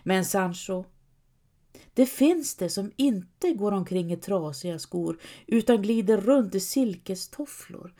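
A woman voicing a steady, encouraging male knight who urges his companion on, in a read-aloud story. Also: medium pitch, close to an everyday voice. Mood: urging. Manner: coaxing, urging.

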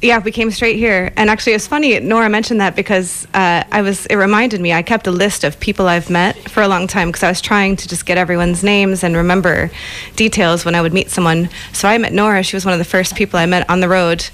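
A woman's voice: mid-range voice, fairly even intonation, quick pace, fairly bright tone. A woman from the United States with an American accent, talking casually as an interview guest in a chatty, self-deprecating way. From Ohio, United States.

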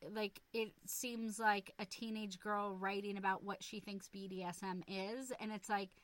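Bright, blunt young woman chatting. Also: medium pitch, normal speed, no echo. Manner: blunt, swears freely, animated storytelling. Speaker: podcast co-host. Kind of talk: casual chat.

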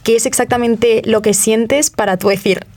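A woman host with a mellow tone asks her guest gentle, guiding questions. Her voice is close and dry, and she keeps the talk easy and encouraging. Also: on the high side, steady tone, moderate pace, no echo. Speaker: podcast host interviewer. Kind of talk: casual interview.

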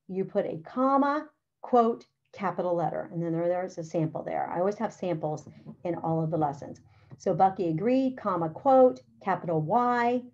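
A woman's voice: lowish voice, darkish tone. A middle-aged woman teacher talking other teachers through a writing lesson, practical and chatty, often saying "all right" and "okay". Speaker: teacher presenting a writing curriculum. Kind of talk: instructional walkthrough. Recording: slightly dull, lo-fi sound.

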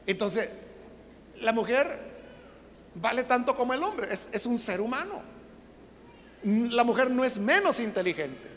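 A woman's voice: a little high, expressive, a little slow, pauses often. Emphatic woman preaching in a hall. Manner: emphatic, rhetorical questions, acts out quoted voices. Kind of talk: sermon. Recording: long hall reverb, faint background noise.

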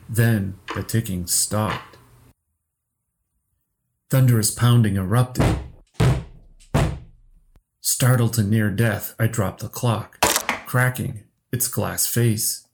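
A man narrating a horror story slowly and steadily for a podcast. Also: lowish voice, background noise. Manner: slow, measured storytelling.

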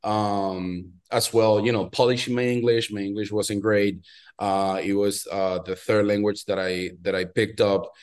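Heard first is a man with a Venezuelan accent and a lowish voice. He speaks as a guest on a podcast, earnest and thoughtful. He stops and restarts often. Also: flat delivery, a little slow, a little mellow, clear, resonant tone. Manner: earnest, many fillers and restarts. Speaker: podcast guest, watch brand founder. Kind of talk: casual interview chat.

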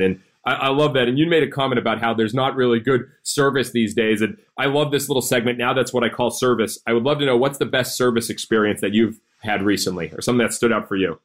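A man's voice: mid-range voice, fairly bright tone. A man hosting a casual podcast interview, upbeat and enthusiastic as he asks questions. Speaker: podcast host.

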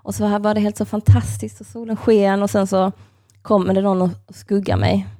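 A young woman co-hosts a casual podcast at a middle pitch. She tells personal stories in a loose, chatty way, swears freely, and packs her speech with filler words. She slips into other people's voices when she quotes them. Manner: animated storyteller, swears freely, acts out other people's lines; heavy use of fillers like "like" and "kind of". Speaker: podcast host.

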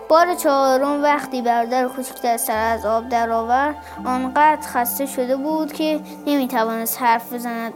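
A woman tells a folk tale in a high, clear voice. She reads at a measured storytelling pace. Soft music plays faintly behind her.

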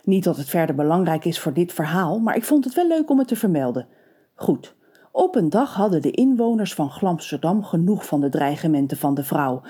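A playful female storyteller reading a scripted tale, her voice mellow and warm. She moves lively up and down in pitch, keeping the telling expressive. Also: a little fast, husky.

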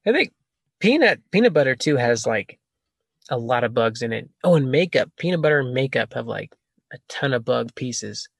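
A man's voice: medium pitch, big pitch swings, normal speed, gravelly, slightly rough, no room sound, clean studio sound. A man hosting a casual podcast chat, rambling, laughing and correcting himself as he talks. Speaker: podcast host asking questions.

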